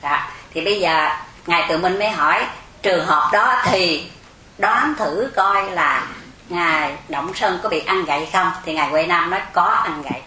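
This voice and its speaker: Woman giving a zen dharma talk, bright voice, keeps asking the crowd questions, echoey hall. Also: lowish voice, normal speed. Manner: explains patiently, asks the audience rhetorical questions. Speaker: Buddhist Zen teacher. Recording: echoey room, faint background hum.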